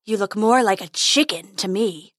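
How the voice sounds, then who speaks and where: A woman voicing a huge, menacing male dragon who growls his words slowly. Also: medium pitch, no echo, clean studio sound, lightly acted. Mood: mocking. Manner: slow, growling.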